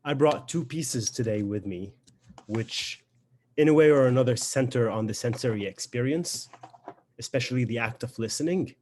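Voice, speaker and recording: A young man from Beirut, Lebanon, whose first language is Arabic and who has a Lebanese accent, introduces a poetry reading in an informal, reflective way, hesitating often. His mid-range voice is slightly mellow and moves at normal speed, with a little background noise behind it.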